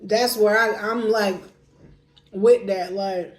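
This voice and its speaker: An American woman chatting casually over a meal, telling things in colloquial, animated fashion. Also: medium pitch, takes it slowly. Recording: echoey room with faint background noise.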